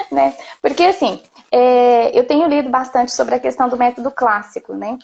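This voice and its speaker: A woman's voice: sits high, a little slow, gravelly, darkish tone. A woman hosting a live-stream interview, chatty and hesitant with fillers. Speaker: host. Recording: dull lo-fi sound.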